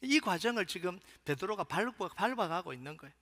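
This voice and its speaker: A man preaches in a church sanctuary with a light Gyeongsang accent. He tells the story dramatically, dropping to a hush and then rising again. His voice is high and bright, and a long hall reverb trails each phrase. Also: expressive, brisk. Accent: light Gyeongsang Korean. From Gyeongsang Province, South Korea. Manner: dramatic storytelling, swings between loud and hushed. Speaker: pastor. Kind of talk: sermon.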